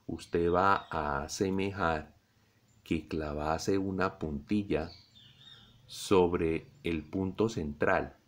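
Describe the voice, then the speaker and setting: Colombian guy teaching physics, very low voice, slow and careful, talks straight to the students. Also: steady tone. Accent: Colombian Spanish. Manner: slow, deliberate explaining, addresses students directly. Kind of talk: recorded classroom lesson.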